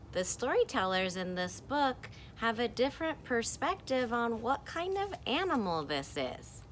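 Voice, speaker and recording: Reading a picture book to kids, this teacher stays lively and encouraging, tossing in playful sound effects along the way. She speaks at a medium pitch over slight background noise.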